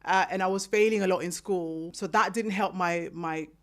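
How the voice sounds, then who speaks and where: Animated Kenyan-born woman telling her story. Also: fairly low pitch, moderate pace. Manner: animated, emphatic storytelling with acted-out quotes. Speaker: author and guest. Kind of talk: conversational interview storytelling.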